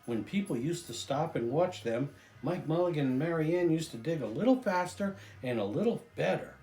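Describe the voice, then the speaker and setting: An older man reading a children's storybook aloud, drawing out key phrases with deliberate emphasis. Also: a little high, animated, darkish tone, echoey room, soft background music, rough recording. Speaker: storybook reader, grandfather.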